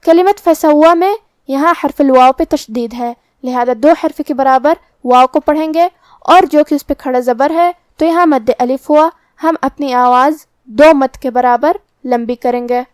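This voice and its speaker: A woman teaching Quran recitation rules in a methodical, careful way, chanting verses slowly between explanations. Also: high-pitched, a little mellow, no echo, clean studio sound. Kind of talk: tajweed lesson with slow recitation.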